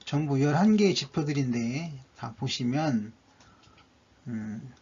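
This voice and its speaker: A man's voice: mid-range voice, expressive, takes it slowly, warm tone, husky. A man narrating a stock chart analysis, going methodically through each indicator one by one, on a dull lo-fi recording.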